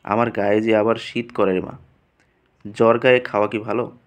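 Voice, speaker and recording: Man voicing a gentle grieving old farmer. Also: fairly low pitch, level tone, moderate pace, close to an everyday voice. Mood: weary coaxing. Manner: soft, pleading, tender.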